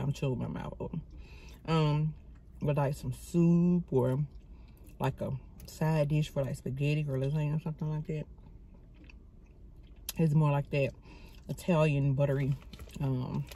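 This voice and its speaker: A woman with a low, deep-set voice talks in a casual, chatty way, greeting her viewers as y'all. She is filming herself on her phone from inside her car, and steady road and car noise is clearly heard behind her. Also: unhurried, pauses often. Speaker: vlogger. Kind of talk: casual vlog chat. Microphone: phone camera.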